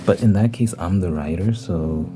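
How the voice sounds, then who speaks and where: A man in casual, rambling talk, thinking out loud in an informal way. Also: deep voice, moderate pace, over loud music.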